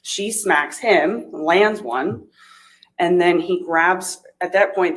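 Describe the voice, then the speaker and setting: A woman with a low voice testifies as a witness, captured on a courtroom recording that is replayed. She talks through the events step by step, pausing on "um" and restarting her sentences. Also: a bit bright, low-quality recording. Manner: hesitant retelling with fillers and restarts. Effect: courtroom recording played in a livestream. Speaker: trial witness. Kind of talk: sworn testimony.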